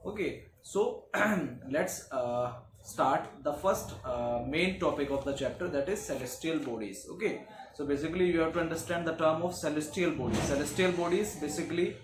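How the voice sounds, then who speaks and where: A man teaching a geography lesson to schoolchildren, often filling pauses with "okay" and "uh". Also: fairly high pitch. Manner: frequent "okay" and "uh" fillers, repetitive explaining. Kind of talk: classroom lecture. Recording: echoey room, faint background noise.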